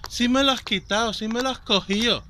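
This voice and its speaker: A man's voice: very high-pitched, fairly quick, pushed and bright, a little hiss or hum, pitched above the performer's own voice. A man voicing a frail, pleading elderly woman in a small, helpless voice.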